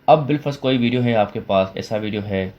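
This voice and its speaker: A man talking through a software tutorial step by step, with frequent fillers and restarts as he goes. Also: on the low side, dull audio. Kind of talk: screen-recorded software tutorial.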